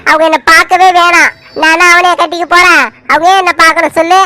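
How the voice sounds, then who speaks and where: A woman's voice: very high-pitched, level tone, quick pace, sharp tone, no room sound. A woman voicing an upset young woman who pleads and complains, in a scripted family drama. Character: young woman, tearful and upset, facing an arranged match.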